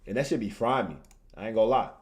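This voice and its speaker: A young man from Tanzania, a streamer and video creator, chats casually and slangily on a livestream. He talks quickly in a fairly low voice and repeats phrases for emphasis.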